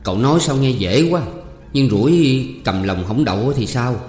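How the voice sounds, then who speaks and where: A man's voice: mid-range voice, lively intonation, normal speed, darkish tone, lightly acted. A man with a Southern Vietnamese accent voicing a shy, anxious young servant girl in a storybook, hesitant and pleading. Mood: worried. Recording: roomy reverb, faint music.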